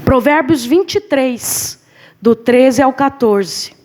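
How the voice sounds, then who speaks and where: Uma mulher com sotaque brasileiro dando aula de escola dominical na igreja, em tom animado de pregação, chamando a turma de irmãos. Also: female voice, high voice, slow pace, slight background noise. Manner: lively, preacherly, addresses the class as brothers. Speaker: Sunday school teacher. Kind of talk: church Bible class lesson. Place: church hall.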